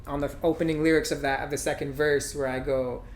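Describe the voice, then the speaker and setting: A man hosting a podcast, talking through his thoughts in a reflective, halting way with lots of fillers. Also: on the high side, little pitch movement, slight background noise. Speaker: podcast host and musician. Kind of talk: casual conversation. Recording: roomy echo.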